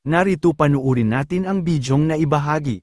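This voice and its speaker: Male news voice-over, a bit high, dry booth sound, steady upbeat read. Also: a little fast, no echo. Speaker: entertainment news narrator. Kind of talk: scripted voice-over narration.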